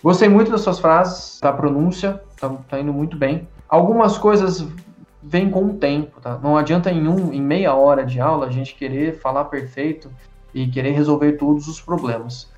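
A man's voice: a little high, normal speed, a little mellow, echoey room, muffled recording, soft background music. A Portuguese-speaking man teaching an English lesson, running repetition drills and praising his student often.

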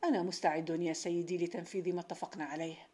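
A woman's voice: on the low side, fairly even intonation, fast talker, mellow, lightly acted. A woman reading the part of a modest, brave young male servant who talks politely and earnestly in a storybook narration.

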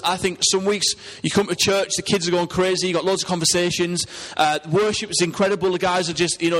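A man's voice: high voice, a bit bright. A man with a Teesside English accent preaching a conversational, earnest sermon, putting questions to his congregation. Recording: long hall reverb.

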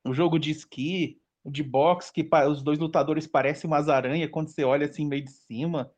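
A Brazilian man in his late thirties rambles casually on a podcast through a nostalgic list of old games. His voice is a little high yet darkish in tone, steady and brisk.

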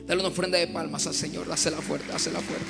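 Young man, Mexican accent, youth preacher, shouting and joking, clear music behind. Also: a little high, flat delivery, fast talker. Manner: shouts calls to the crowd, jokes between prayers. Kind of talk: energetic live sermon to young people. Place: large hall at a youth service. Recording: echoing hall with music behind.

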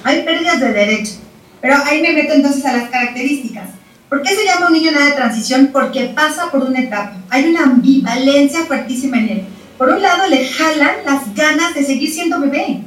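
High-voiced woman, animated and echoey. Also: a little fast. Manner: animated, repeats words for emphasis, acts out parents and children. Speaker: parenting expert guest. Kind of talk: explanatory chat. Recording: roomy sound from a distant mic.

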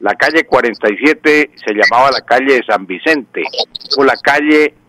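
A man with a Santander Colombian accent who answers listeners' questions on the radio like a teacher. He speaks slowly, repeats key words and pauses on "eh" fillers. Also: mid-range voice, pushed and bright. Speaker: language and local history expert on radio. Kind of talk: radio call-in explanation.

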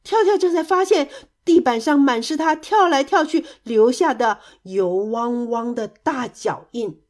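A woman narrating a children's story in a lively, expressive storytelling manner. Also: sits high, measured pace.

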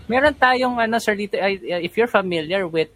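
A man with a clearly high voice co-hosts a casual talk. He chips in with quick questions and short anecdotes. His delivery stays chatty and informal. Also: animated, a bit bright. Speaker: podcast co-host. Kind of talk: casual podcast chat.

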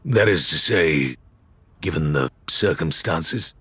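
A man's voice: rumbling low, expressive, slow pace, bright, forceful tone, husky, dry recording, pitched below the performer's own voice, heavily acted. A man voicing a burly, wry sea captain in a storybook reading. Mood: hesitant. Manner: wry, dry humour.

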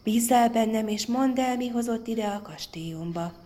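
A woman voicing a sweet, gentle little female frog who coaxes a prince. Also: on the high side, pitched above the performer's own voice, close to an everyday voice. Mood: coaxing.

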